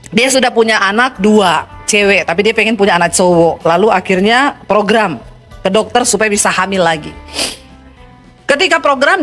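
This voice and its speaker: Woman pastor, middle-aged, high voice, emphatic preaching, faint music behind. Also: fairly bright tone. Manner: emphatic, exclamatory preaching with sudden pitch leaps. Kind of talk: sermon.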